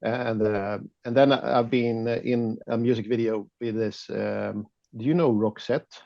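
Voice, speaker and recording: A man's voice: medium pitch, fairly even intonation, measured pace, creaky, no room sound, lo-fi sound. A Swedish man with a Swedish accent, a guest speaking English as a second language in a casual interview, hesitant and laughing often. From Sweden. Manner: hesitant, many fillers and restarts, laughs often. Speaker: guest photographer.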